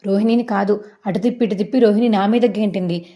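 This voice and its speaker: A woman's voice: mid-range voice, steady tone, quick pace, warm tone, natural voice. A woman voicing a protective older sister who anxiously apologizes for her sibling. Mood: complaining.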